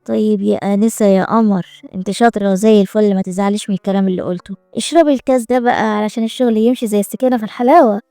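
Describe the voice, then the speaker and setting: A sleazy middle-aged client who sneers and flatters, as a woman reads him in a drama recap. He has an Egyptian Arabic accent, a gravelly dark tone and quick delivery. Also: medium pitch, no echo, clean studio sound, faint music behind, close to an everyday voice. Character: sly, pushy middle-aged male business client.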